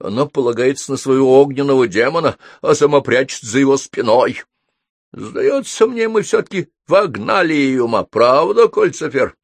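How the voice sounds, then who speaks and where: A man voicing a worn-out young wizard with a cold in a storybook reading, hoarse and sardonic. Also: mid-range voice, lively intonation, normal speed, no echo, voice pushed up. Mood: weary, wry. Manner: tired, sardonic.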